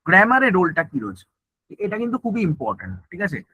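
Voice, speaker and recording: Guy teacher doing an exam prep lecture, talks really fast and high, dry close sound. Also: wildly swooping pitch, pushed and bright, breathy edge, no echo, low-quality recording. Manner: mixes English terms into Bengali, repeats "ঠিক আছে?" often; asks and answers his own questions.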